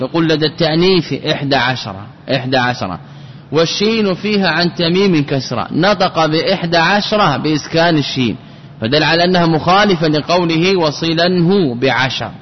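A man teaching grammar in a recorded lesson, repeating key words slowly so the class can follow. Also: on the high side. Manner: repeats words and phrases slowly to drill them. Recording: dull lo-fi recording with long reverb and faint hum.

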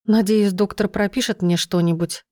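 A woman with a mid-range, fairly even, slightly mellow voice at normal speed, close to everyday speech, reads an audiobook part as an earnest pregnant young woman who is worried but resolute. The sound is clean studio audio with no room sound.

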